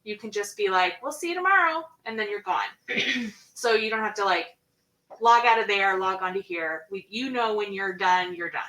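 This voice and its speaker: A woman's voice: medium pitch, steady tone, normal speed, pushed and bright. A woman leading a chatty, encouraging pre-show pep talk for her cast over a video call. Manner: chatty and encouraging, sings snippets. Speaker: theatre director. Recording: echoey room, distant from mic.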